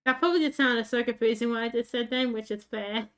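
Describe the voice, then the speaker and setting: A gaming YouTuber with a rural Australian accent chats casually over gameplay, rambling, using lots of fillers and making fun of herself. Her voice is a little high, clear and resonant, and she talks fast.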